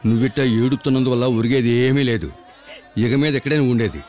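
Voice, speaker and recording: A man's voice: medium pitch, fast, a little mellow, natural voice. A man in a dubbed film playing the bossy, scolding leader of a beggar gang.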